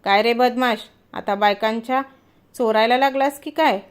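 A woman's voice: high voice, a little slow. A woman voicing a bold, mocking middle-aged woman neighbour in a spoken story, with a teasing, questioning manner.

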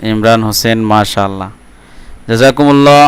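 A man teaching Quran reading, drilling letter sounds slowly syllable by syllable and breaking off into quick remarks to viewers. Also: lowish voice, smooth. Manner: slow, drawn-out syllable drilling, then quick asides to viewers. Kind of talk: live online lesson, drilling letter sounds.

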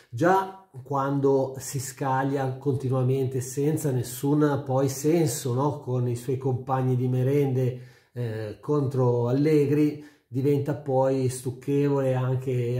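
A middle-aged YouTube sports commentator gives his opinion casually to camera, emphatic and repeating his phrases. He has a mid-range, dark voice, recorded indoors in a small furnished room at home with a roomy echo.

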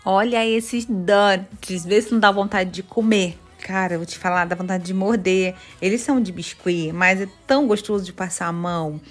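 Brazilian woman vlogging her kitchen decor, gushy and excited, brazilian accent. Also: mid-range voice, normal speed, few pauses, soft background music. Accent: Brazilian Portuguese. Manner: enthusiastic, gushing over decor items. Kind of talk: casual chat. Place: home kitchen, indoors.

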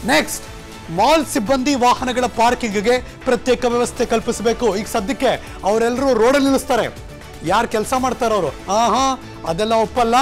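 A man anchors a TV news bulletin in a studio, speaking emphatically yet conversationally and mixing in English phrases. His voice is very high-pitched at a moderate pace, with faint music in the background.

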